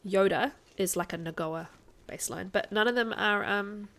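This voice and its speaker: A woman's voice: mid-range voice, moderate pace, fairly bright tone. Chatty woman with a mild New Zealand accent. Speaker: live game streamer. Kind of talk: casual livestream chat over gameplay.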